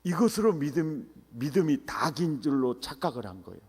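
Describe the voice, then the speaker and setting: Brief: middle-aged male revival preacher, animated with sudden shouts, long church reverb. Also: fairly high pitch, fairly quick, breathy edge. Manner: animated, swings to shouts, quizzes the congregation. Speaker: pastor, revival meeting speaker. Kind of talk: revival sermon. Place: church sanctuary. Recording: echoey church hall.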